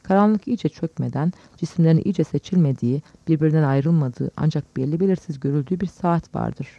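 Male audiobook narrator, measured literary reading, warm tone, dry sound. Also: on the high side, creaky, dry recording. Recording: dull lo-fi dry recording.

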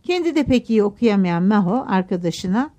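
A woman narrating a novel aloud in a measured, expressive audiobook reading. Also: medium pitch.

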